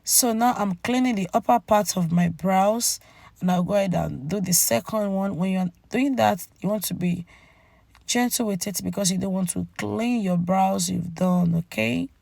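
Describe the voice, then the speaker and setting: A woman with a cracking, croaky voice from a cold, chattily narrating a makeup tutorial and speaking straight to her viewers. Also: mid-range voice, normal speed, warm tone, dry recording. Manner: chatty, addresses viewers directly with tag "okay?". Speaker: beauty channel host.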